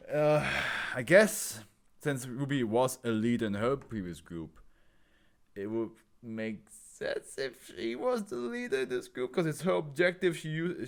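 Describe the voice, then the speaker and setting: A man giving casual, joking, foul-mouthed reaction commentary on an animated show as host. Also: medium pitch. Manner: joking, foul-mouthed, riffing in mock voices.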